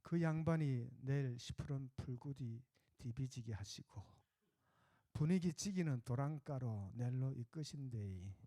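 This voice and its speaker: A man reciting a psalm as a folksy, rough-spoken man with a broad Gyeongsang accent, drawing the words out slowly and bluntly. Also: mid-range voice, dark tone. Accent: Gyeongsang dialect. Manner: slow, earthy, blunt country phrasing. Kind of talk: sermon illustration, dialect recitation.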